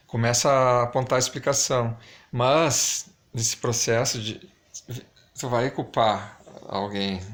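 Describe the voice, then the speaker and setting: Wearing a dental retainer, this amateur video maker sounds slightly lisped and stumbling as he speaks to camera in a creaky, mid-range voice. He's casual, reflective and hesitant, pausing often.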